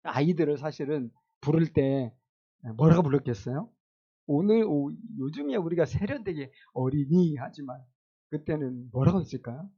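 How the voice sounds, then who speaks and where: A man's voice: a little high, lively intonation, moderate pace, breathy edge, lo-fi sound. A male pastor preaching a sermon in a casual, conversational way, asking the congregation questions and chuckling now and then.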